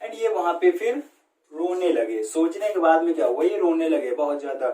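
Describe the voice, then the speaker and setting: A man's voice: fairly high pitch, expressive, normal speed, dark tone. A man teaching English words through a story, asking and answering his own questions and switching between Hindi and English, heard with a roomy echo from a distant mic. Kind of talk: storytelling vocabulary lesson.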